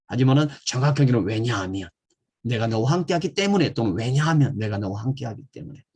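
A man from South Korea teaching an English grammar lesson built around Bible verses. He reads English phrases very slowly and deliberately, and his voice swings from loud stressed English words to soft encouragement. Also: medium pitch, slightly rough.

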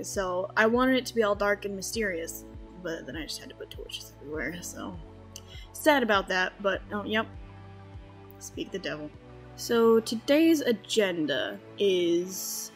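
A woman talks her way through a game session in a loose, rambling way, leaning on fillers as she goes. Her pitch sits in an ordinary middle range. Soft music plays faintly behind her. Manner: rambling, chatty, lots of fillers. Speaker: Minecraft let's-player. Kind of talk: casual gameplay commentary.

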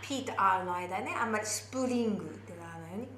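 A woman with a Japanese accent teaching English pronunciation for singing, slowly modeling lyric phrases between quick explanations. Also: mid-range voice, fairly bright tone, reverberant, slight background noise. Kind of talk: singing lesson with demonstrations.

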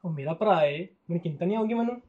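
A man's voice: high-pitched, lively intonation, rapid-fire. An actor playing a young husband who defends caring about his brother, in a short drama. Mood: defensive. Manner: defensive, hushing. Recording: dull lo-fi sound.

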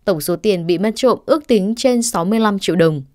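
A woman reading a news report voice-over in a steady, formal way. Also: mid-range voice, brisk, no room sound, clean studio sound.

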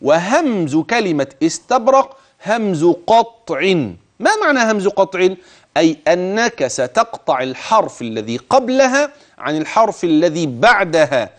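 A man teaching the rules of Quran recitation. He speaks straight to the listener, urges attention, and slowly stretches words to demonstrate how they should be pronounced. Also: high-pitched, big pitch swings, fairly bright tone. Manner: addresses the listener directly, urging attention. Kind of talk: tajweed lesson with recited examples.

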